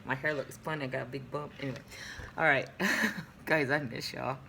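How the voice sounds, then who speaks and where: Chatty low-voiced woman teacher. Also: fairly even intonation, moderate pace, creaky, sharp tone, slight background noise. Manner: chatty, easily distracted, playful. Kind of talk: reading a novel aloud and discussing it.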